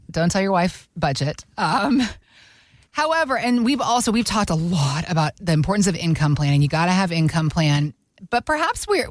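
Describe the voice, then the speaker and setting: A woman's voice: on the low side, dry recording, studio quality. A woman co-hosting a finance podcast, reading and asking questions in an upbeat, chatty way with frequent affirming interjections. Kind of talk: casual podcast conversation.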